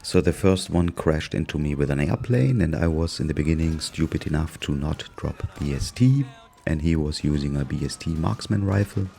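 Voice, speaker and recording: Gamer guy voice-over, German accent, deep and gravelly, wry and sarcastic, slight hiss behind. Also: normal speed, warm tone. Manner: dry, amused, sarcastic. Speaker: gaming YouTuber narrating gameplay. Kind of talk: casual gameplay commentary.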